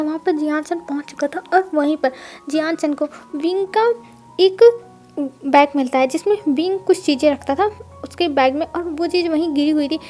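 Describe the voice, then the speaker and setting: A woman's voice: high voice, a little mellow. A woman retelling a fan fiction story aloud in a conversational, repetitive way.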